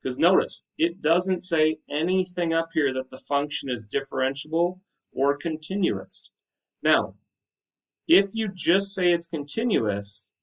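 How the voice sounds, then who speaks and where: A man teaching like a teacher to his class, explaining step by step in an instructive way and posing questions to check understanding. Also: fairly high pitch. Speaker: high school math teacher. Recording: distant microphone.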